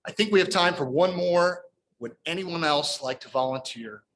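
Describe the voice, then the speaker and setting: A man's voice: fairly high pitch, animated, normal speed, fairly bright tone, slight background noise, low-quality recording. A man hosting a speaking club meeting, casually encouraging members to share short stories. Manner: encouraging, casual, repeats words. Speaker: table topics master at a speaking club meeting.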